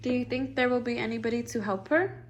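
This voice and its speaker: A woman with a slightly high voice reads a picture book to a child at a fast clip, with a little hiss or hum in the audio. She encourages the child, asks questions, and often echoes answers back questioningly.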